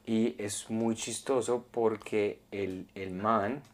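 Man, casual podcast co-host, lively storyteller, mimics voices. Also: fairly low pitch, slow. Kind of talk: casual comedy chat. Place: podcast studio.

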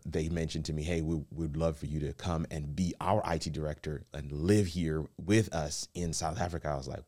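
Middle-aged American man, very low voice, motivational speaker, storytelling with acted-out quotes. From United States. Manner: storytelling, animated quoted dialogue. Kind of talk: casual motivational talk.

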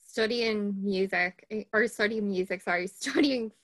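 A woman's voice: medium pitch, moderate pace. A woman in her twenties with an Irish accent, hosting a podcast in an informal, conversational way. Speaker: podcast host, barrister.

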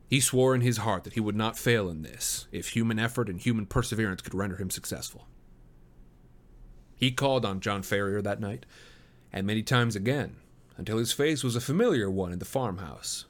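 Man narrating at a measured pace. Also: lowish voice. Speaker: host reading a novel aloud. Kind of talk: audiobook-style narration.

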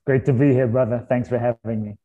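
A man's voice: medium pitch, fairly even intonation, quick pace, narrow, tinny audio. A man, a guest author and speaker telling his story in a reflective way, with emphatic questions. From England. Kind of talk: interview storytelling.

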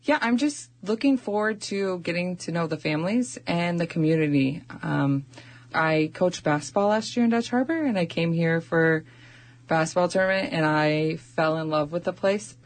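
Young female teacher, low register, relaxed and chatty, filler-heavy interview talk. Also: moderate pace. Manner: chatty, uses many fillers. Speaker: first grade teacher. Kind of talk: casual radio interview.

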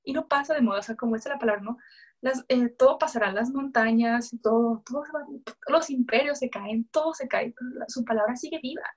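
A young woman with a slightly high voice gives a personal faith testimony as a guest, speaking a little fast in a relaxed, conversational way. An animated storyteller, she acts out words she once said to herself and keeps circling back with fillers and self-corrections.

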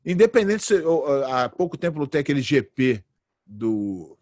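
A man in his late thirties, a jiu-jitsu fighter, telling lively anecdotes in a casual interview. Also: medium pitch, moderate pace, no echo. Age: late 30s. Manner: animated anecdotes, acts out quoted voices.

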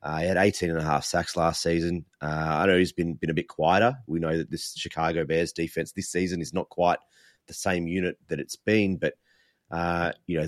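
A man's voice: low voice, no room sound, studio quality. A man giving casual sports analysis as a podcast co-host, repeating words as he builds each point.

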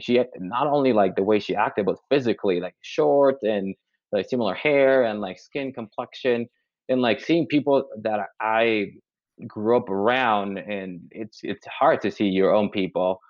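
Soft-spoken man with a low, muffled voice. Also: dry recording. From Dominican Republic, raised in Mexico. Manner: hesitant, many fillers and restarts. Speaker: physician. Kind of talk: conversational podcast interview.

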